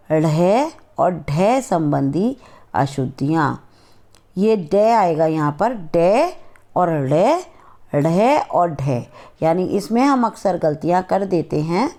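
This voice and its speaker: Very slow-spoken woman teacher. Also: on the low side, sing-song, dark tone. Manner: slow, drawn-out word-by-word pronunciation drills; repeats each word twice, stressing the correct form. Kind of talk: grammar lesson.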